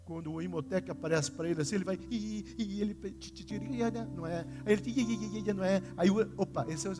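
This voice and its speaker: A man with a Brazilian Portuguese accent preaching a sermon as pastor, animated, swinging between soft and loud and acting out quotes. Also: high voice, fast talker. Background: guitar music.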